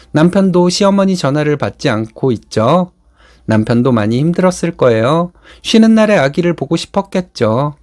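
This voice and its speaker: Male narrator with a somewhat high pitch for scripted first-person storytelling, telling it plainly with a grievance underneath. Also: a little mellow. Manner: plainly recounting, with an aggrieved tone.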